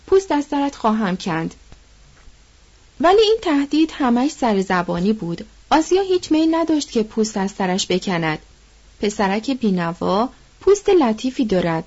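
A woman giving a measured, scripted reading of a novel as an audiobook narrator. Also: a little high, a little mellow. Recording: dull lo-fi recording.

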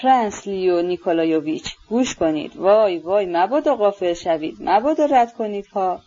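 A woman's voice: mid-range voice, highs cut off, close to an everyday voice. Woman voicing a fawning, clownish clerk. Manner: flattering, fussy and emphatic. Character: fawning, clownish middle-aged male clerk.

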